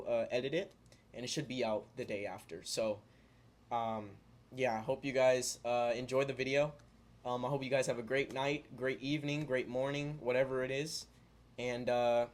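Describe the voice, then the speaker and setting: A young man talking straight to his viewers in a casual vlog, rambling through his thoughts with lots of fillers and restarts. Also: mid-range voice. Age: young adult. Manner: earnest, spiritual musings addressed to viewers. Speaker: vlogger.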